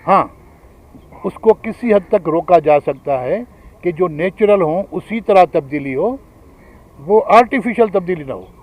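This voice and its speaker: High-voiced man giving an earnest lecture. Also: measured pace, low-quality recording. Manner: earnest, argumentative, steady lecturing. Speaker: guest speaker. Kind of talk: public lecture.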